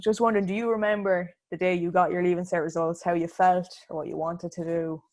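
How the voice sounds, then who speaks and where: A woman's voice: fairly low pitch, level tone, fast, a little mellow. A woman, interviewing someone in a casual, conversational style.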